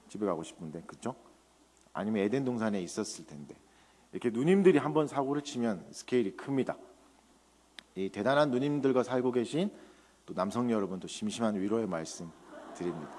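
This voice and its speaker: A man's voice: mid-range voice, in a large hall. A man preaching a sermon as a trainee pastor, joking with the congregation and asking rhetorical questions.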